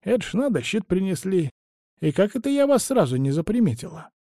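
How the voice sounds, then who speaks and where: A man's voice: sits high, very animated, brisk, mellow, no echo, studio quality, voice pushed up, exaggerated voice. A man doing a cranky old witch. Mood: cagey. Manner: cranky, evasive, sing-song. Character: grumbling cunning old witch woman.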